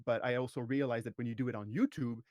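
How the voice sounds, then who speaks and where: A man's voice: mid-range voice, steady tone, quick pace, a little mellow, no room sound. Dry-voiced man musing at length. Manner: long-winded, thoughtful, frequent restarts. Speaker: podcast guest. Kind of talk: casual podcast conversation.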